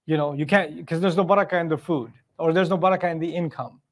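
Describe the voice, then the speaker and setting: Man teaching Quran commentary, fairly high voice. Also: fairly even intonation, fast. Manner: recites Arabic verses then explains them in English; conversational, asks rhetorical questions.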